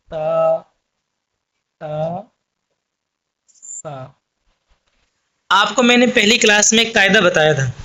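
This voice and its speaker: An Urdu teacher with a high, slightly bright voice gives an online language lesson, patiently explaining and repeating each point. He addresses his viewers as friends, and the recording has a dull lo-fi quality.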